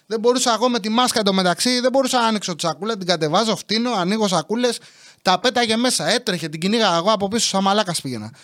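A man with a fairly high voice tells a crude, comic everyday story in a casual way. He sounds exasperated and swears freely. The sound is close and dry, with no echo. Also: fairly bright tone. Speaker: podcast host.

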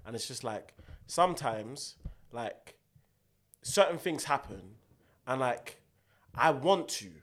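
A man's voice: mid-range voice, animated, slow, long pauses, a bit bright. A young man with a London roadman accent, bantering casually in slang and repeating phrases for emphasis. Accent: London roadman, urban multicultural London slang. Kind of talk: casual banter between friends.

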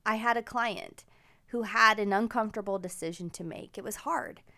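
A woman's voice: mid-range voice, moderate pace, creaky, sharp tone. A woman in her forties, hosting a podcast and telling personal stories in an upbeat, encouraging way. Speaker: podcast host. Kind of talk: casual personal storytelling.

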